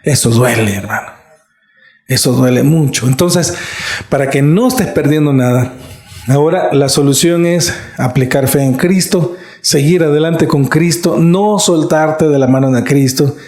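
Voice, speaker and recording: A man's voice: fairly high pitch, unhurried, a little mellow. A middle-aged man preaching a sermon as pastor, earnest and conversational, often checking in with his listeners. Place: church. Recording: echoey church room.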